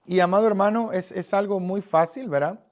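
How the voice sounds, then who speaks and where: A man's voice: high-pitched, fairly quick, a little mellow. A man from Guatemala with a Guatemalan accent, giving an earnest Bible lesson on evangelism and speaking directly to the listener with frequent fillers. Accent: Guatemalan Spanish. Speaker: evangelism teacher.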